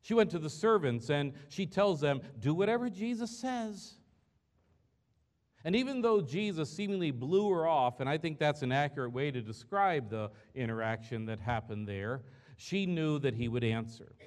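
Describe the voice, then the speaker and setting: A man's voice: a little high, lively intonation, moderate pace. Man preaching an earnest sermon. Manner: earnest, conversational preaching with rhetorical questions. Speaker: pastor.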